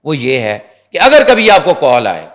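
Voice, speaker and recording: A man at an ordinary pitch talks as a guest journalist on a talk show. He tells his story in a lively, rambling way, full of restarts and asides to the viewers. He often slips into the voices of the people he is quoting. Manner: animated storyteller, acts out quotes; restarts and fillers, addresses viewers directly. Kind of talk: conversational talk show commentary.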